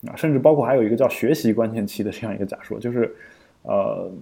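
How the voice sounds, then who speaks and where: A man's voice: fairly low pitch, fast, creaky, mellow. A man co-hosting a podcast in casual explanatory chat, thinking aloud with frequent fillers and restarts. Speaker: podcast co-host.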